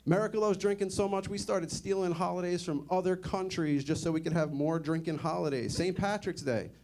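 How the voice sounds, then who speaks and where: A young man with a high-pitched, fairly quick, slightly mellow voice does a stand-up set at a comedy club. He keeps it conversational and sardonic, frequently quizzing the crowd.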